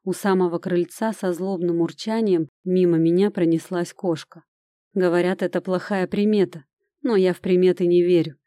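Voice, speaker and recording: Casting: female audiobook narrator, lowish mellow voice, measured first-person storytelling, dry close recording. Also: steady tone, no echo.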